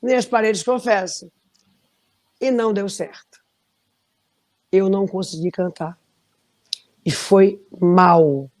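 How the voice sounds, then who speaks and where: A middle-aged singer from Belém, Brazil, with a Brazilian Portuguese accent, tells animated stories in a conversational interview. Her voice is mid-range and slow with long pauses, and she restarts her sentences often.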